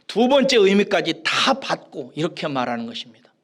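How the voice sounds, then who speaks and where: A male pastor preaching a sermon, dropping to hushed whispers and rising to emphatic, raised lines. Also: a little high, sing-song, normal speed.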